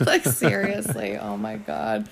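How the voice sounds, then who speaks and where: Giggly, gravelly-voiced woman podcast host. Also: mid-range voice, animated, slow. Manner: bubbly, giggly, rambling storyteller. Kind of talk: casual chat.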